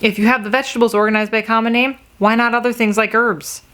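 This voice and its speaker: A woman's voice: a little high, fairly even intonation, fast, a bit bright. A woman giving a frank, casual book review, critical and mildly exasperated as she pages through a book.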